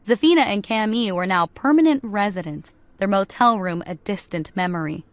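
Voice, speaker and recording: A woman narrating a scripted story in a steady, even way. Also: medium pitch, fairly quick, no echo.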